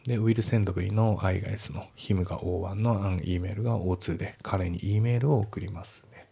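Low, gravelly, husky male teacher. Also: fairly even intonation, moderate pace, warm tone. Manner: breaks sentences down step by step with casual asides. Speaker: English teacher. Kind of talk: spoken exam-prep lesson.

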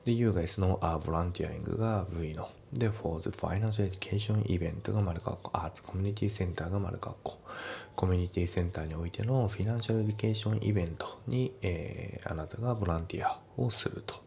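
Low gravelly male teacher explaining grammar. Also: dark tone, slight background noise. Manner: explains grammar step by step, slowly models English lines, casual Japanese asides. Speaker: English teacher. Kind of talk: TOEIC lesson walkthrough.

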